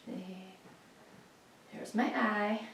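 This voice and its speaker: A woman's voice: mid-range voice, fairly even intonation, drawn-out words, fairly bright tone, distant mic, slight background noise. Chatty woman coaching a workout, echoey room. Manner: chatty and playful, cueing moves in a sing-song voice. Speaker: fitness instructor. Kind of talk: home workout instruction. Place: room at home.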